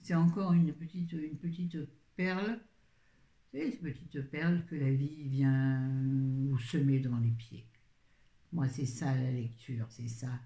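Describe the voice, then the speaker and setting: A book vlogger with a low, dark voice chats in an unhurried way to her viewers about books. Her casual review rambles, and she often interrupts herself. The sound carries a roomy echo.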